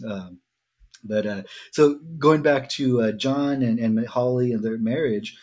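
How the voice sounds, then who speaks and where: A man's voice: medium pitch, a little slow, a little mellow. A man speaking as a podcast guest, explaining his ideas thoughtfully, with frequent ums and easy laughs. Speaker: guest, sport psychologist. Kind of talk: casual chat, explaining.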